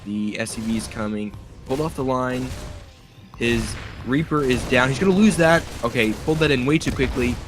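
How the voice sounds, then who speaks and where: A man's voice: mid-range voice, normal speed. Man, esports caster, live commentary, explanatory, headset, faint background music. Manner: chatty, explains plays.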